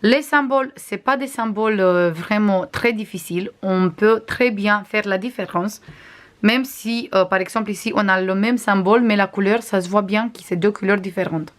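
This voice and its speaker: A woman with a non-native accent chats her way through a casual unboxing review, pitched in an ordinary middle register. She pauses often with little hesitations and keeps pointing things out to the camera. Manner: chatty, frequent hesitations, shows items to camera. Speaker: crafts vlogger.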